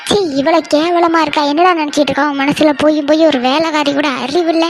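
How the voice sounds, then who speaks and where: A woman's voice: high-pitched, little pitch movement, fast, slight background noise. A woman voicing a scornful rich mother in a cartoon, scolding shrilly.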